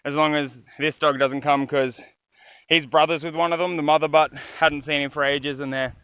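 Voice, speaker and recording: A man's voice: a little high, flat delivery, moderate pace, bright, forceful tone, clear, resonant tone, no echo, lo-fi sound. A man talking casually to camera outdoors in a rural garden, chatty and swearing now and then, with dogs barking around him. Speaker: vlogger. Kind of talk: casual vlog commentary.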